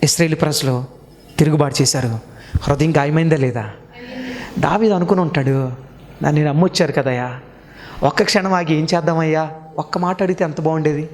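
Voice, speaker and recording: A man preaching a sermon with passion, building to urgent appeals to the congregation and viewers. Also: long reverb tail. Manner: impassioned, rising to urgent high-pitched appeals.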